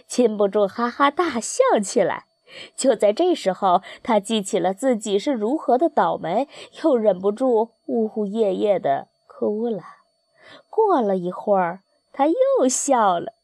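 A woman reading a children's storybook aloud in a gentle, expressive storytelling manner. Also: a little high, unhurried, no room sound, studio quality. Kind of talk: scripted children's story narration.

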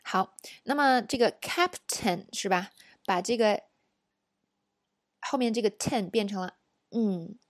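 A woman teaching English pronunciation in an audio lesson, explaining slowly and saying each example word several times. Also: mid-range voice, dry recording, studio quality.

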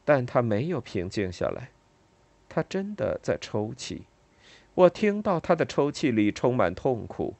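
An audiobook narrator reading a first-person story in a measured way. The pitch moves in a lively, animated line, and the voice sounds close and dry, with no room behind it. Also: gravelly, dry recording.

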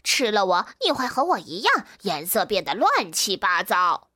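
A woman's voice: medium pitch, big pitch swings, moderate pace, bright, forceful tone, dry recording, clean studio sound. A woman voicing a timid, fretful young male chameleon who stammers and sighs in a storybook reading. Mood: bluffing. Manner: stammering, sighing. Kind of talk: storybook character voice.

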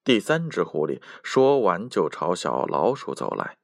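A man reading a children's picture book aloud as a storyteller, slow and expressive. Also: low-pitched, creaky, dry recording, studio quality.

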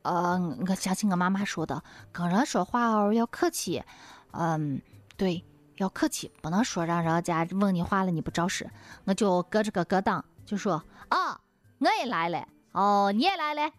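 A woman's voice: fairly low pitch, normal speed, no echo, soft background music. A woman telling a comic story in a chatty way, full of exclamations and dialect words.

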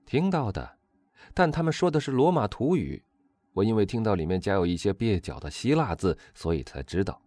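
A vain, excitable young gentleman chatters loudly and brags, as played by a man narrating the book. His voice sits high and leaps about with enthusiasm. Recorded dry and close. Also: brisk, no echo. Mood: boastful. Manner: loud exuberant high-pitched chatter.

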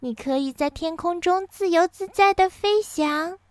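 A woman's voice: extremely high pitch, measured pace, dry recording, clean studio sound, pitched above the performer's own voice. A woman voicing a kind but clumsy female fairy who speaks sweetly and apologetically. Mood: sweet coaxing.

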